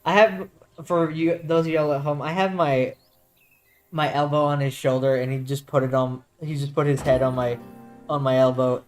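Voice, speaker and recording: A man's voice: a little high, fairly even intonation, normal speed, faint music behind. A man co-hosting a casual podcast chat, joking and rambling with frequent laughs. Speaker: podcast co-host.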